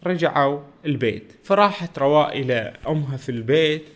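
A man's voice: on the high side, lively intonation, fairly quick. A man who reads a sad story aloud and stops now and then to explain it in casual dialect. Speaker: storyteller reading a book. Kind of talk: reading a story aloud with spoken asides.

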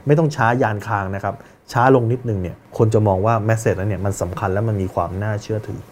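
A man's voice: on the low side, fast, darkish tone, a little hiss or hum. A man hosting a business coaching podcast, speaking directly to the listener and demonstrating different tones of voice. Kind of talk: instructional podcast monologue.

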